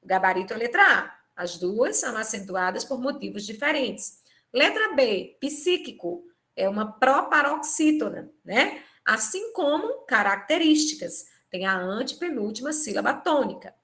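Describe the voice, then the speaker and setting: A woman's voice: a little high, big pitch swings, moderate pace, a bit bright. A woman with a Brazilian Portuguese accent teaching a live online exam-prep class, explaining step by step and checking in with tag questions, on a computer microphone. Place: home or office, live video conference. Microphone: computer microphone on video call.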